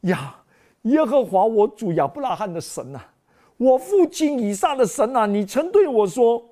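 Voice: mid-range voice, very animated, normal speed, dark tone, pitched above the performer's own voice, natural voice. A preacher voicing the anxious patriarch Jacob, praying earnestly and pleading with God for protection.

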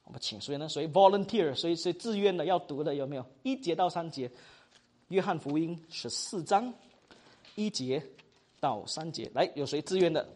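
一位马来西亚口音的男讲道老师在课堂上授课，说话生动随意，句尾常带"哈"。. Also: male voice, on the high side, normal speed. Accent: Malaysian Mandarin. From Malaysia. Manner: animated, chatty, ends phrases with 哈. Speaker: preaching instructor. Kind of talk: classroom teaching.

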